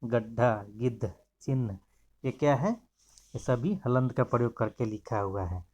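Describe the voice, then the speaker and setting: A man gives a grammar lesson at a middle pitch, explaining each point step by step. He keeps pointing his listeners to the examples in front of them. The recording sounds a little dull and lo-fi. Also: measured pace, a little mellow. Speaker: teacher.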